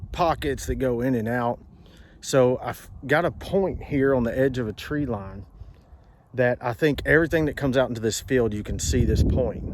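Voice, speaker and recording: Plainspoken man trapping outdoors. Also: medium pitch. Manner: plainspoken, repeats advice for emphasis. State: out of breath. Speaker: trapping vlogger. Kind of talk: casual outdoor how-to vlog. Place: outdoors on a farm field. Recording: outdoor noise in background.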